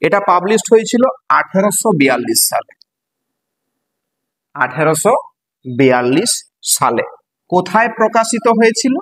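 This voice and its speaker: A man's voice: high voice, very animated, brisk, a bit bright, husky, low-quality recording. A male teacher from West Bengal with a Bengali accent, explaining a poem to students. He spells words letter by letter and asks the class questions.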